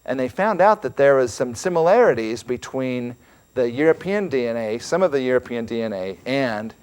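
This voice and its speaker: A man speaks in an earnest, emphatic way, delivering a religious lecture to a congregation. His pitch sits at a middle level, and he often repeats words as he goes. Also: animated, moderate pace, darkish tone, clean tone. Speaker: church speaker.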